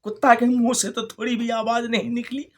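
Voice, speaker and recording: A man's voice: extremely high pitch, flat delivery. A male preacher telling a moral folk fable in a sermon, repeating phrases and asking the listeners rhetorical questions. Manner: drawn-out, storytelling delivery.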